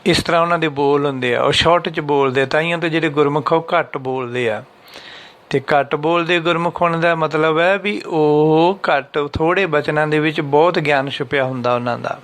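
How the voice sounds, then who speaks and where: A man teaching how to read and understand scripture, patiently repeating lines and chanting them slowly to show the pauses. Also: on the high side, a bit bright. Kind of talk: explanatory religious lesson.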